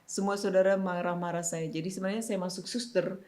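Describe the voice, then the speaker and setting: Lively nun telling a story. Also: female voice, fairly low pitch, fast talker. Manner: animated, laughs often, acts out quoted people. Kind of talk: casual storytelling in an interview.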